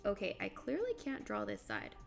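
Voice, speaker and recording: A woman in her late twenties hosts a livestream, chatting in a casual, bubbly way as she draws and reads viewer comments aloud. Her mid-range voice is creaky, with wildly swooping pitch and a moderate pace. Faint music plays behind her.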